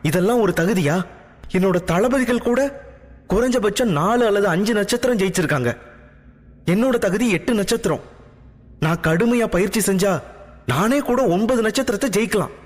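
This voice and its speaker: A man voicing a proud, quick-tempered young princess who talks back fast and high in an audio drama. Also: lively intonation. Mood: indignant. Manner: indignant, complaining, fast and high. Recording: music bed, long reverb.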